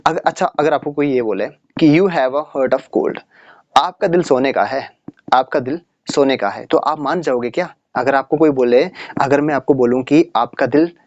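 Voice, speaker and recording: A man teaching a casual English lesson, chatty and asking rhetorical questions, reading the English examples slowly. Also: mid-range voice, dry recording. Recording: dry, slightly muffled audio.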